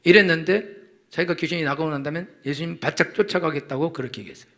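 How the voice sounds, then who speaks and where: A man's voice: on the high side, very fast, fairly bright tone. A middle-aged male pastor giving a Sunday sermon in a chatty, teasing way, acting out quoted voices for the congregation.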